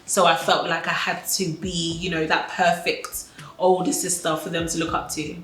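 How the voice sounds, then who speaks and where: A woman's voice: lowish voice, flat delivery, moderate pace, a bit bright. A woman in her twenties answering documentary interview questions in a reflective, casual way with many fillers. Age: 20s. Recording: echoey room with faint noise.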